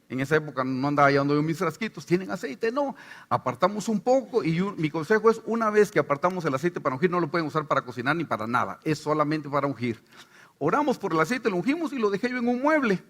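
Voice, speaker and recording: A middle-aged Guatemalan pastor with a Guatemalan Spanish accent and a fairly high-pitched voice preaches a sermon. He tells stories in an animated way, acting out the voices of the people in them.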